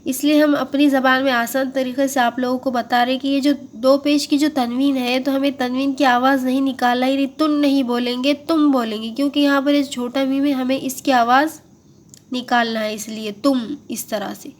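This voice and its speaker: Female Quran teacher, high voice, patient; slow drawn-out model words, then plain explanation. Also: fairly even intonation. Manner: patient, repeats and checks understanding. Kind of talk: step-by-step tajweed lesson.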